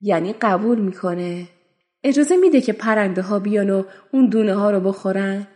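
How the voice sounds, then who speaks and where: A woman narrating a story for children, speaking gently and turning to ask her young listeners questions. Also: mid-range voice, big-room sound.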